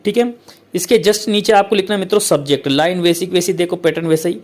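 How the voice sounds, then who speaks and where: Walking students through how a letter should be laid out, this English tutor has a slightly high-pitched male voice and a patient manner. He reads each English line slowly, then explains it, repeating "okay, friends" again and again.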